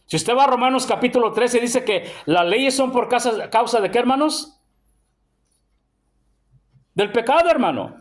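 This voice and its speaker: A Mexican preacher in middle age, his voice sitting high for a man. He teaches in call-and-response, throwing questions out to the congregation and ending almost every phrase with "brother." When he reads scripture he slows down, drawn out and emphatic. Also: lively intonation. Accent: Mexican Spanish. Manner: call-and-response, tags lines with "hermano"; slow emphatic verse reading. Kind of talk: church sermon teaching.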